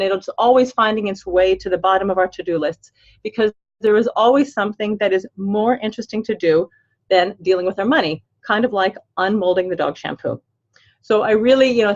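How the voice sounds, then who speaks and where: Lo-fi sound captures a mid-range voice belonging to an older woman who grew up in Los Angeles. Speaking with an American accent, she hosts a financial-planning webinar in a friendly, upbeat manner full of casual fillers.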